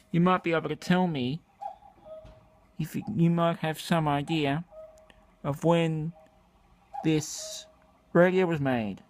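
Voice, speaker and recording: A man with an Australian accent and a voice on the high side gives an unscripted show-and-tell as a vintage radio hobbyist and video maker. He thinks aloud in a hesitant, detail-focused way, recorded on a handheld camera or phone mic with slight background noise.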